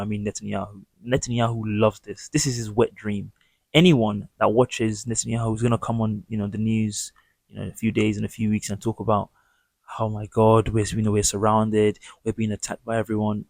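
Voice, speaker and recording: A man with a low, gravelly voice gives his opinions on the news. His delivery is emphatic and indignant, and his sentences run long. The sound is close and dry. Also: no room sound. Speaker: political commentary host. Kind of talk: opinionated commentary on news clips.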